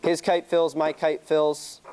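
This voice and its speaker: Smooth-voiced young man teaching a class. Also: a little high, level tone, slow pace, a little mellow. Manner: casual, anecdotal, laughs easily. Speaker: sailing team presenter. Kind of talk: classroom chalk-talk.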